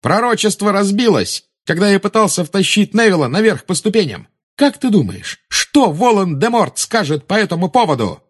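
A man voicing a defiant teenage boy wizard who shouts through pain. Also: high voice, sing-song, moderate pace, breathy edge, pitched above the performer's own voice, heavily acted. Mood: mocking.

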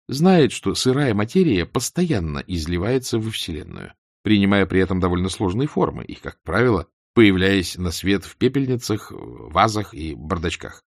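A man narrating an audiobook in a measured, dry, ironic manner. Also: deep voice, no room sound. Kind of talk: scripted narration.

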